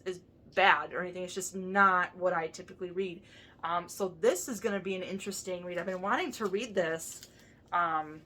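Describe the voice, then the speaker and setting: A woman with a bright, forward voice at a middle pitch talks casually to her viewers. Her lisp gives the s sounds a slushy edge. She is chatty and thinks out loud in the easy style of a book vlogger.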